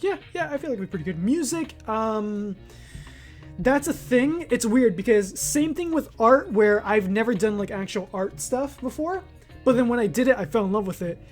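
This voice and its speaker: A man's voice: high voice, a little mellow. A young man chatting casually as he reads a quiz aloud, rambling and often correcting himself, and laughing at his own words. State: hiccuping. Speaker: gaming video creator.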